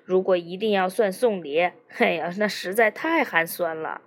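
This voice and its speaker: A woman's voice: fairly low pitch, moderate pace, close to an everyday voice. A woman reading the part of a cheeky, joking man with a folksy, teasing way of talking. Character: joking, cheeky middle-aged man in therapy. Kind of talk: audiobook character reading.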